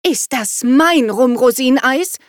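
Female reader voicing a demanding teen daughter, sharp tongue, raised pitch. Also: big pitch swings, fairly quick, no echo, studio quality. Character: teen girl, bossy and irritable.

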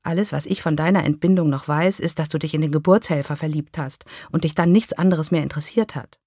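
Woman doing a deadpan ex-husband, lowish voice, dry close sound, storybook. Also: fast, dry recording. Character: dry, deadpan ex-husband, middle-aged man.

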